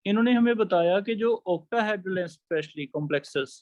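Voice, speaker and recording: Man lecturing a chemistry class, high voice, dry close sound, explains step by step. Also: unhurried, a little mellow, no room sound, lo-fi sound. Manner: explains step by step, asks students questions. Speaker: chemistry teacher.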